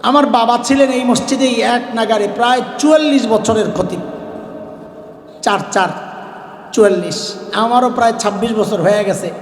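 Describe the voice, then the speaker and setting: High-pitched preacher, echoey hall. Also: male voice, fairly even intonation, normal speed, pauses often. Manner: storytelling, colloquial, rising to shouts. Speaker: mosque preacher. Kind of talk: sermon. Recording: echoey hall with long reverb.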